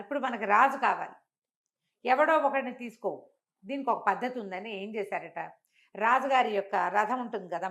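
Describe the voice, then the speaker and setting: An older woman tells a traditional moral story during a conversational interview. She's animated, acting out each character's lines with big, lively leaps in pitch.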